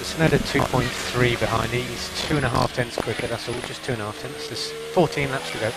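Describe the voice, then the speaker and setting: A man's voice: mid-range voice, fairly even intonation, fairly quick, vocal fry, heavy background noise. A man working as a race engineer, giving concise, repeated instructions over race car team radio. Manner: concise, repeats key calls.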